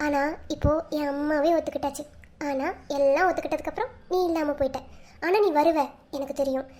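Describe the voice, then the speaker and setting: A woman voicing a young pregnant wife who speaks softly and pleadingly to her absent husband, and later scolds possessively, in an amateur cartoon story. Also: high voice, fairly even intonation, fairly quick, lightly acted. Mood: tender, sorrowful.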